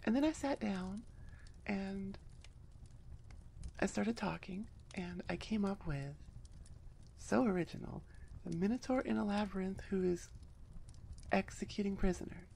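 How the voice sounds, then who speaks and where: In a casual outro to her listeners, this woman, an audio roleplay creator, rambles wryly and pokes fun at herself on a close mic. Her medium-pitched voice is gravelly and darkish, a little slow, with long pauses and slight background noise.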